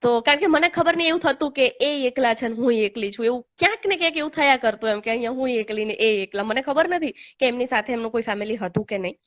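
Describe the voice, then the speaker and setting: Young woman on a live chat, talks fast and earnest, lots of little "uh"s. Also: a little high, a bit bright. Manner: earnest, heartfelt, many hesitant fillers. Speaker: host. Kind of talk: casual live chat, personal storytelling. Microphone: online live call.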